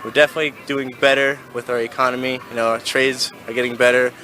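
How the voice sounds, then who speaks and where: A man's voice: mid-range voice, little pitch movement, fast talker, crowd noise. A man of twenty answering interview questions outdoors in a casual way, with lots of "like". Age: 20s. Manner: casual, says "like" a lot. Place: outdoors in a city street.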